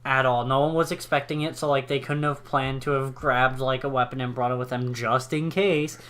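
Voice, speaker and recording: A man's voice: mid-range voice, fairly even intonation, a little fast, a bit bright. A man co-hosting a casual podcast chat, rambling enthusiastically with lots of fillers. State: hiccups. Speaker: podcast co-host.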